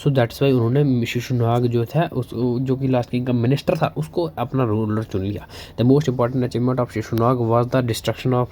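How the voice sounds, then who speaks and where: A man teaching history for exams, reading English lines slowly, then explaining fast in Hinglish with fillers and questions he answers himself. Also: mid-range voice, steady tone, dark tone, slight background noise. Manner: keeps asking and answering his own questions. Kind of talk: exam-prep lecture.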